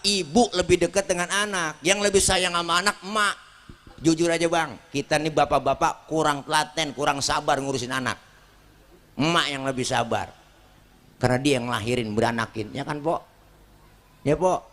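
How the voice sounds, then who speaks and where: A Betawi-accented man delivers an animated, joking sermon, his voice sitting a bit high for a man. He keeps calling out to the crowd and drawing them into the talk. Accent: Betawi Jakarta. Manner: animated, jokey, talks back to the crowd. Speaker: preacher. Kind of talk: lively sermon. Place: outdoor community gathering.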